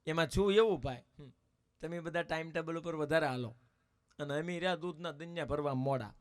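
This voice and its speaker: A man, telling jokes as a folk comedian in a brisk, anecdotal way. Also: fairly high pitch. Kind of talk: live folk comedy storytelling.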